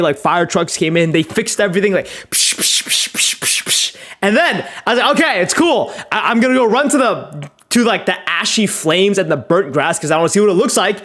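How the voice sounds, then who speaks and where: A young content creator talks casually to his stream while editing, drifting from topic to topic. He's self-mocking and jokey, curses casually and laughs a lot, and his voice climbs and gets louder during stories.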